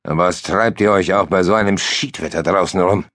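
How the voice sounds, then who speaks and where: A man's voice: low-pitched, fairly even intonation, brisk, fairly bright tone, no room sound, studio quality. A man voicing a shifty, folksy islander who talks plainly with clumsy grammar. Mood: evasive. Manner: folksy, ungrammatical, sly.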